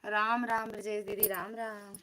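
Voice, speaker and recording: A woman's voice: medium pitch, level tone, measured pace, fairly bright tone. A woman with an Awadhi accent hosting a casual live stream from home, chatting and teasing as she greets each viewer by name. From Uttar Pradesh, India.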